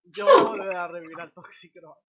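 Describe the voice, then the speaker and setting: A man's voice: high voice, wildly swooping pitch, fairly quick. Young guy, gamer grumbling about his luck, noisy voice chat. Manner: groaning, complaining about bad luck. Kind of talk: casual gaming chat.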